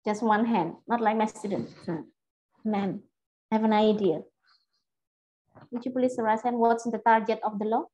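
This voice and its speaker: A woman's voice: fairly high pitch, fairly even intonation, measured pace, pauses often, mellow, poor audio. A woman law lecturer giving an interactive lecture, calling on students by name and repeating her questions.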